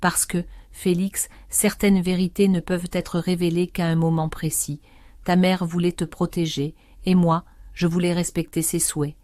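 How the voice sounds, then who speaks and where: A woman voicing a 65-year-old aunt who speaks calmly and steadily, with quiet resignation. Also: on the low side, no room sound, close to an everyday voice. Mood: calm intimate. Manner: calm, measured, intimate.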